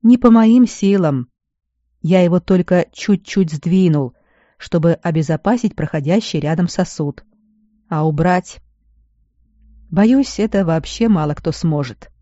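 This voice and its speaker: A reader voicing a weary male garrison healer who scolds at first, then speaks with fatherly gentleness. The recording is dull and dry. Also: sits high, measured pace, dry recording. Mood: gently lecturing. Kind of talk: audiobook character voice.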